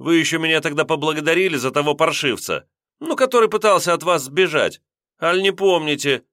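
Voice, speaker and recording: A man's voice: fairly high pitch, very animated, a bit bright, dry recording, clean studio sound, pitched above the performer's own voice. Man putting on a chatty sing-song bus conductress. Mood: chatty, indignant. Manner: sing-song, quick, indignant. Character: chatty middle-aged female bus conductress.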